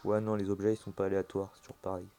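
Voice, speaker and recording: A man's voice: low voice, monotone, very fast, mellow. A man giving casual horror game commentary, reacting aloud like a jumpy, scared streamer and talking to the game as he plays. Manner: talks to the game's objects and characters.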